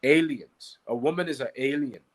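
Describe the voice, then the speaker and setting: This Bahamian podcast guest practices and teaches Qigong. He speaks at a normal speed in a mid-range, slightly husky voice. His teaching is emphatic yet conversational, with repeated key phrases and rhetorical questions.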